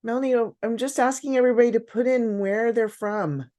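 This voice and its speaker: Woman business coach in her fifties leading an online workshop, warm mellow tone, encouraging. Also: on the high side, fairly even intonation, fairly quick. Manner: upbeat, encouraging, frequent praise. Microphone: video call.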